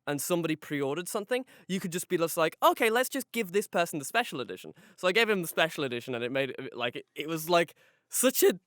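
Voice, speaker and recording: A man's voice: a little high, big pitch swings, fast talker, fairly bright tone, no echo, studio quality. A man hosting a podcast in casual chat, rambling along with lots of dude-and-man slang. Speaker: podcast host.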